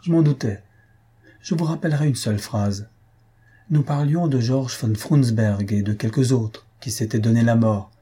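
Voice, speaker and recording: A man's voice: medium pitch, moderate pace, dark tone, slightly rough, lightly acted. A man reading the lines of a despairing young nobleman, speaking firmly and reproachfully. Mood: bitter. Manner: firm and reproachful.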